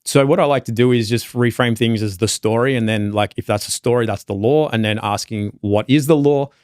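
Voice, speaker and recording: An Australian man speaking in a fairly low voice as a podcast guest. He thinks aloud in a loose, meandering way, leaning on lots of fillers. The recording is close and dry, with no room sound. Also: fairly even intonation, fairly quick, dry recording. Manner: reflective, loose and rambling, many fillers. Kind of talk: casual conversation.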